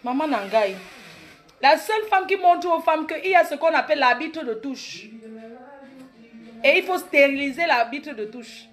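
A woman in her late thirties with a Cameroonian French accent and a high voice. She delivers a boastful, mocking comedy rant aimed at her critics. Faint music plays underneath. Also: animated, normal speed, pauses often, fairly bright tone. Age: 30s. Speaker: comedic vlogger. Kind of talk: satirical comedy monologue.

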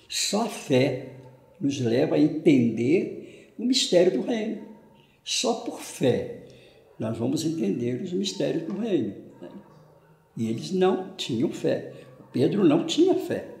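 Speaking in a fairly high, creaky, darkish voice, an older man with a Brazilian Portuguese accent, a parish priest, delivers a homily on the gospel in a conversational way, often adding "né" tag questions and moving his hands. A fixed camera at medium distance records him in a small, echoey room at home.

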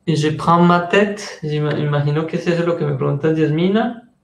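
A man with a Colombian accent teaching French in an online class, patiently explaining and slowly modeling the French sounds. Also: on the high side, creaky, echoey room.

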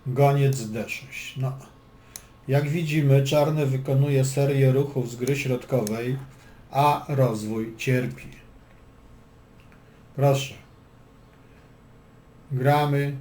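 A man's voice: medium pitch, fairly even intonation, slow pace, long pauses, dark tone. A man giving a chess lesson, calling moves and explaining plans, with dry joking asides. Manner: dry joking asides between move calls. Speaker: chess instructor. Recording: echoey room with faint background noise.

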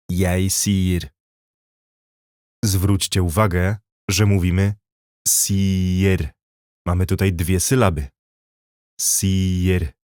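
A male teacher gives a scripted language lesson in a lowish voice, pausing and repeating each phrase so learners can copy it. The recording is dry and close, with faint music underneath. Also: no echo.

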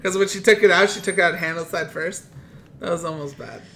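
A young man giving loud, profane, excitable commentary while playing a game. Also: high voice, brisk, a little hiss or hum. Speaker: gaming youtuber. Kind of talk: let's play commentary.

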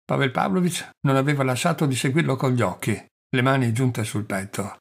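A man narrating a classic novel as an audiobook reader, in a steady, measured storytelling manner. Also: mid-range voice, vocal fry.

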